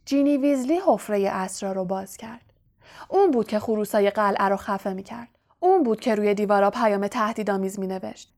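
A woman voicing a scheming young male wizard in an audiobook, speaking in a soft, silky, menacing way. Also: medium pitch, natural voice. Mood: gloating. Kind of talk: audiobook character voice.

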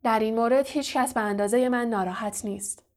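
A woman voicing a vain, evasive male wizard professor who is a fraud, smooth and condescending. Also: on the high side, close to an everyday voice. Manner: smooth, self-justifying, condescending.

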